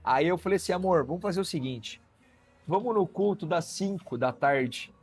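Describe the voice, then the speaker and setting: Husky-voiced man telling a story. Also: sits high, lively intonation, moderate pace, faint music behind. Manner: storytelling, acts out quoted dialogue, frequent "né?" tags. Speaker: guest physician. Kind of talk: personal testimony in a conversation.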